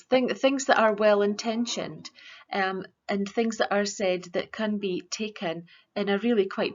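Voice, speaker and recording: A woman teacher presenting a virtual school assembly in an earnest, measured way, with frequent ums. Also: medium pitch, lo-fi sound.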